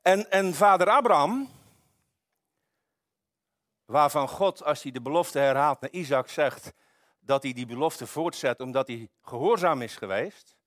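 A man's voice: on the high side, lively intonation, a little slow, pauses often, fairly bright tone, dry recording, studio quality. A man preaching, reading from the Bible and adding wry, conversational asides. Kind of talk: Bible reading with sermon commentary.

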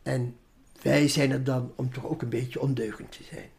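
A woman illustrator speaking reflectively in an interview, often trailing into softer tones. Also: extremely low pitch, steady tone, moderate pace, gravelly. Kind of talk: interview conversation.

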